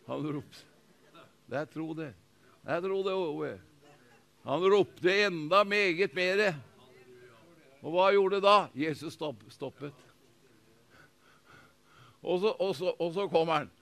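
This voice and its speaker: A man preaching a fervent sermon as pastor, repeating phrases and calling for responses from the congregation, moving between loud proclamation and quiet storytelling. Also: on the high side, creaky, long pauses.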